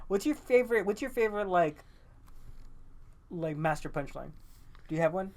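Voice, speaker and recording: A man's voice: high voice, expressive, measured pace, a little mellow, slight background noise. A man in his thirties co-hosting a podcast, chatting casually, joking, swearing and laughing often. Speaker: podcast co-host. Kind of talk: casual chat.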